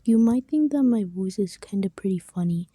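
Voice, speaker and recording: A young woman who makes drawing videos chats casually as she sketches, often half-whispering and putting herself down in a soft voice. Her pitch is mid-range, her delivery expressive and slightly rough at a normal speed. The recording is clean studio sound with no room noise.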